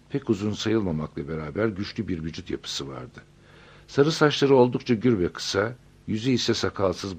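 Male audiobook narrator, low and husky, steady measured storytelling.

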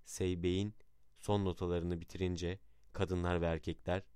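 A man narrating a historical account in a measured, dramatic reading style. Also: deep voice, level tone, warm tone, clear, resonant tone, dry recording, studio quality.

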